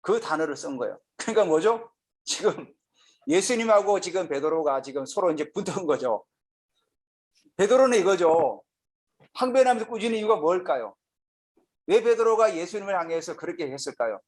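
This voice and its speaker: A male pastor teaching a Bible study sermon in a lively, conversational way, often asking the congregation questions. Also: high voice, normal speed. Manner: lively, asks the audience many questions. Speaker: senior pastor.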